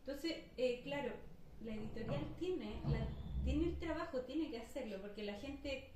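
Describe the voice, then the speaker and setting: A woman's voice: high voice, animated, moderate pace, noisy background. A woman on a literary panel, chatty and a little hesitant at the start of her points. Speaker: writer and panelist. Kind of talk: casual panel discussion. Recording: very echoey room, distant mic, faint ambience.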